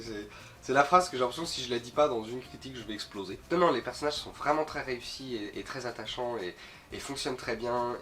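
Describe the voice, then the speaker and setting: A man's voice: medium pitch, pushed and bright. A man with a nasal, sniffly voice from a slight cold, giving an informal, rambling film review as host, often stumbling and repeating words. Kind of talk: casual film review talk to camera.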